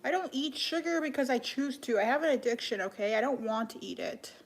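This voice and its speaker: A young woman with a fairly high voice chats on a live stream and answers her viewers as she goes. She talks offhand, with plenty of "like" fillers, and now and then drops to soft half-whispered asides. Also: animated, a little fast. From Canada. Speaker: livestreamer.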